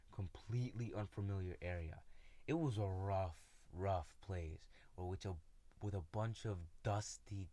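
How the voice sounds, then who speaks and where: A man telling a personal story in a casual, halting way, with many fillers and restarts. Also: low-pitched, dark tone. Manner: retells friends' lines in his own voice.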